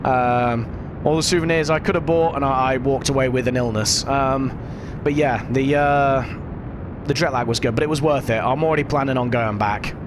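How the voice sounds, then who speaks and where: A British man from the United Kingdom streams a game, offering casual commentary and rambling, self-deprecating chat with his viewers while battling a lingering cough. His mid-range voice holds a steady tone at normal speed against a noisy background.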